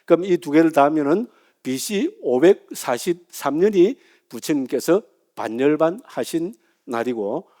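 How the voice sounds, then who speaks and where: A man's voice: on the high side, mellow. A middle-aged man, a Buddhist monk giving a lecture in a chatty way, often asking his listeners "right?" and laughing at himself.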